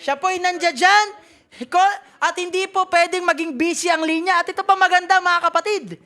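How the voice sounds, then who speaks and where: Filipino woman preacher with a high voice, lively and joking, reading scripture in English. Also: moderate pace. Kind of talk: sermon.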